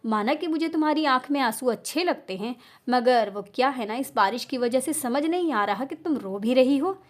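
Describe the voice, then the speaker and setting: A woman's voice: sits high, lively intonation, normal speed. A woman reading an audio novel voices a cruel young husband who taunts his wife with fake tenderness. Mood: mocking. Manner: taunting, falsely tender, flares into shouting. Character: cruel, mocking young husband who enjoys her pain.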